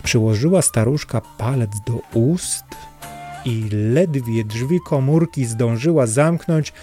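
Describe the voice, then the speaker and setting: A man narrating a fairy tale in a calm storytelling manner. His voice is dark and mellow and his reading unhurried. Faint instrumental music plays behind him. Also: medium pitch.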